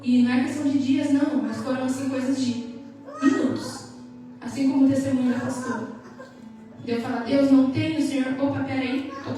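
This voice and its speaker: A woman's voice: sits high, dark tone. A Brazilian woman with a Brazilian Portuguese accent, giving an emotional church testimony in a sing-song preaching manner and acting out dialogue. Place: church hall. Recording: echoey hall from far off, music behind.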